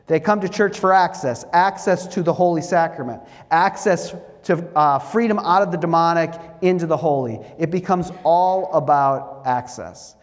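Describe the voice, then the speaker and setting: A middle-aged man giving a lecture, telling stories with a wry, animated manner. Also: fairly high pitch, moderate pace, hardly any pauses. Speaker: guest lecturer. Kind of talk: storytelling lecture. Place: church sanctuary. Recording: long reverb of a church hall.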